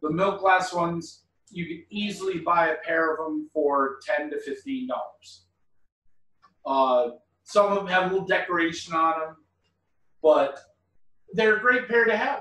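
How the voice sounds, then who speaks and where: A man informally presenting his collection to a club in a relaxed, explaining way, heard with a big hall echo and set back from the microphone. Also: on the high side, moderate pace, far from the mic. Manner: relaxed and conversational, explaining items. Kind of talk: informal show-and-tell presentation. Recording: echoey room, voice from off the mic.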